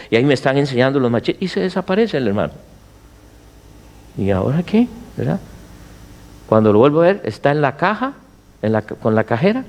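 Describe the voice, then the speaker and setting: A middle-aged male pastor preaching in a lively way, with his pitch leaping up and down. His voice sits a bit high for a man. He keeps putting questions to his listeners. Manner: animated preaching with rhetorical questions to the congregation. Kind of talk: Spanish-language sermon.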